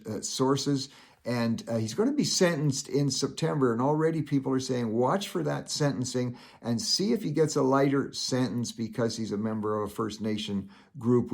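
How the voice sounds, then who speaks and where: A man's voice: mid-range voice, a little mellow. Rambling older man hosting commentary. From Canada. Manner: folksy, rambling, many "uh" fillers. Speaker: commentary show host. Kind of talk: casual solo commentary.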